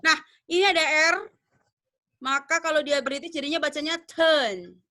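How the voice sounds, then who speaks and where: Bright high-voiced woman teaching English. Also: steady tone, fairly quick. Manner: drills words by repeating them. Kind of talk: online English pronunciation lesson.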